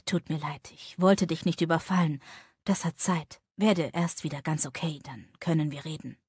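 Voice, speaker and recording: Casting: a woman doing a gentle young lover, husky, hushed and reassuring, dry close sound. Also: steady tone, moderate pace, no room sound. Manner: soft, low, reassuring. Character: tender, earnest young man, the lover.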